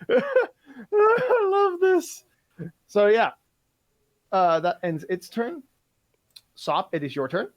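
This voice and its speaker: A man's voice: very high voice, big pitch swings, very slow, pauses often, dry recording. A man running a tabletop game online, narrating loosely with lots of fillers and swearing. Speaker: game master.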